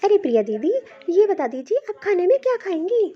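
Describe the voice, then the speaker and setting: A woman's voice: very high-pitched, sing-song, brisk, lo-fi sound, faint music behind. A woman voicing a polite, obliging young daughter-in-law in a cartoon, speaking sweetly and respectfully. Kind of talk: Hindi cartoon voice acting.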